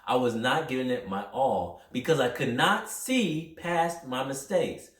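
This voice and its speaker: A young man hosting a podcast, talking through a personal motivational monologue in an energetic, rambling, self-reflective way. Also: mid-range voice, a little slow. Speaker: podcast host. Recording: roomy echo, mic at a distance.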